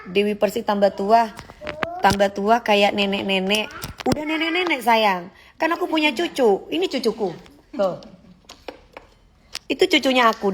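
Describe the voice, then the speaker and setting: A woman's voice: fairly high pitch, slight background noise. Sassy woman on a phone livestream. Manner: sassy, teasing, confrontational. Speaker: livestream host. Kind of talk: casual livestream chat reading comments.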